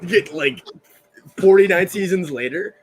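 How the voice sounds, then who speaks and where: A man's voice: sits high, measured pace, faint music behind. A man in his early thirties, a podcast co-host asking long, rambling, enthusiastic questions. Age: 30s. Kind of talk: casual podcast chat.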